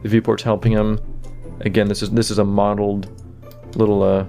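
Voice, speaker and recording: With vocal fry in his low voice, a man briskly gives easygoing commentary about his animation's production. He fills his speech with "you know" and "kinda," and soft music plays underneath.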